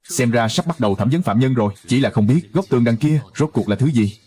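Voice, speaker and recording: A man narrating and voicing a detective's inner thoughts in a dubbed drama recap, measured and wry. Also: medium pitch, expressive, mellow, slightly rough.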